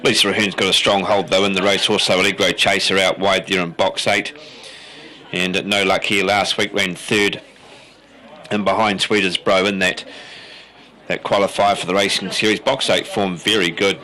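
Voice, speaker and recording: A man's voice: sits low, level tone, normal speed, pushed and bright. A man with a broad New Zealand accent giving greyhound race previews and commentary.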